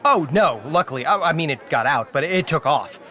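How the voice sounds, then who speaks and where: An actor playing a sheepish, anxious helper in a comic fantasy audio drama, casual and hesitant. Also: male voice, on the high side, animated, fairly quick, sharp tone.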